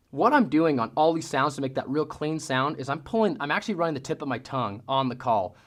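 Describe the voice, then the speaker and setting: A man giving a casual how-to lesson as a hunting-call instructor, talking in a folksy way. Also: medium pitch. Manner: folksy, mimics sounds with vocal demonstrations.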